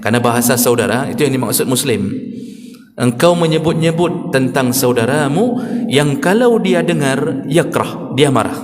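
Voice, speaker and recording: An Indonesian man with an Acehnese accent giving a sermon in a mosque, his voice sitting a little high for a man. He drives his points with rising emphasis and repeats key phrases. The hall leaves a long reverb on every word. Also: slight background noise. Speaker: preacher.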